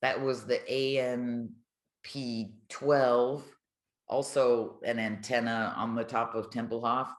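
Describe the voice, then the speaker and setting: Speaking slowly with fairly even intonation, an older woman with a very deep voice shares stories in an echoey room. She's a retired air traffic controller, chatting colloquially as a podcast interview guest.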